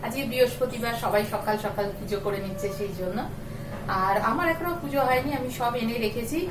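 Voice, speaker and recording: A middle-aged woman with a hoarse, coughing voice, chatting straight to her viewers in a casual daily vlog. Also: fairly high pitch, background noise. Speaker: vlogger.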